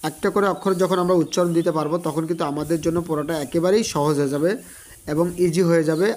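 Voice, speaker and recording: Man, Quran reading teacher, online lesson, slow repeated spelling, encouraging tone. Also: on the high side, steady tone, darkish tone. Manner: slow, repetitive spelling-out of letters; addresses students directly, encouraging.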